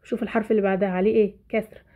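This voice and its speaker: A woman's voice: mid-range voice, level tone, very fast, dark tone. A woman teacher with an Egyptian Arabic accent explaining a lesson, asking herself questions and answering them. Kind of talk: explaining a lesson to parents and children. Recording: dull lo-fi recording.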